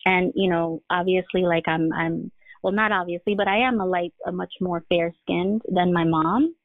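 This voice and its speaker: An artist and singer-songwriter from Jersey City, USA, joins a remote call as a guest and talks openly about her background. Her voice is on the low side at a moderate pace, warm and casual with lots of fillers. The line sounds dry and tinny, phone-like, with no room sound.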